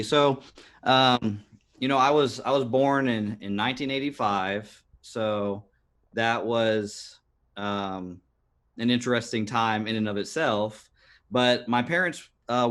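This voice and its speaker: A man's voice: medium pitch, moderate pace, fairly bright tone. A man in his thirties, a podcast guest, telling his life story earnestly, with many fillers and restarts. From United States. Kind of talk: personal storytelling interview.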